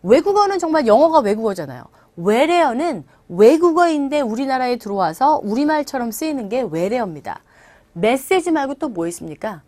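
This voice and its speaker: A middle-aged woman runs an English lesson, chatting with her listeners and coaching them through pronunciation drills. Her voice sits somewhat high and swings widely in pitch. The recording is dry and close. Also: big pitch swings, brisk, warm tone, dry recording. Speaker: English teacher.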